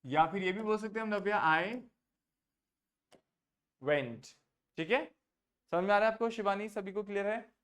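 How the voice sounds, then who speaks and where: A man leads a language class, his voice sitting a touch higher than most men's. He spells out verb endings slowly and patiently, and keeps asking whether everyone has understood. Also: a bit bright. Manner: patient, checks understanding often; mixes Hindi and English, spells out French verb forms. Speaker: French teacher. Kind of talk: online class teaching.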